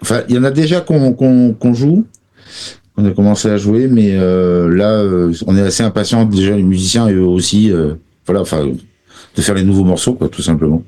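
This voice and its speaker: A male musician answers in a radio interview. His voice is low and mellow. He stumbles along with many fillers. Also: a little fast. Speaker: band musician guest.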